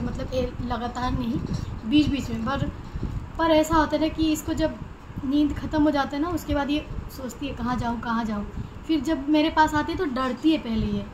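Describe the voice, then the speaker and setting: A woman's voice: high voice, noisy background. A young woman chatting casually in a home vlog, rambling fondly about her pet bird. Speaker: vlogger. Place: home, indoors.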